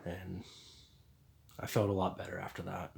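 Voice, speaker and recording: A man telling a personal story in a casual, halting way, earnest and confessional, with lots of fillers and restarts. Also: sits low, creaky, warm tone.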